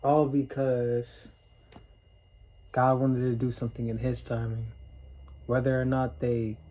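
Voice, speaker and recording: Slow, flat-voiced man teaching scripture. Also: mid-range voice, rough recording. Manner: retells the story in plain speech, clears throat often. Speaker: preacher. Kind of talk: casual Bible teaching.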